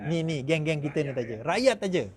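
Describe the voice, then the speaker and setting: A middle-aged man with a Malaysian accent, giving an animated speech to supporters, mimicking others in quick asides and laughing often. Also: a little high, breathy edge. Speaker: politician speaking to supporters.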